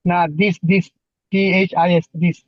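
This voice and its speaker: A man's voice: high-pitched, flat delivery, slow pace, no room sound, lo-fi sound. A man in an online class politely asking the teacher a question as a student. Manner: polite, inquiring.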